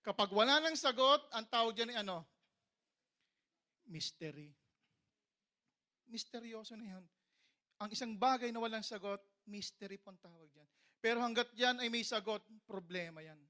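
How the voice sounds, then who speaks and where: A man's voice: sits high, moderate pace, pauses often. A Filipino man preaching a sermon, telling a funny parable and often asking for an amen. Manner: storytelling, jokey, calls for amens, sometimes shouts.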